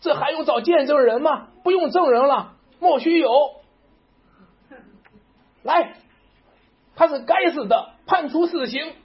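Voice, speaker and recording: Man acting as a furious high priest. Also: unhurried, long pauses. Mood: outraged. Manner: shouting outraged accusations. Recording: dull lo-fi recording.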